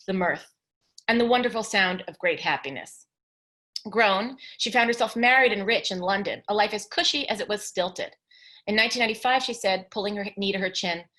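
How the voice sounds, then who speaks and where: A woman author reading an excerpt of her nonfiction book aloud in a measured literary manner, with brief casual asides, over a video call. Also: mid-range voice, a bit bright.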